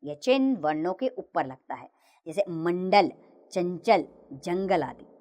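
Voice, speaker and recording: Female teacher voice for a kids' lesson, clear and slow, with lively pitch. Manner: slow, clear recitation of letters with lively sing-song rises and falls. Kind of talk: children's grammar lesson narration.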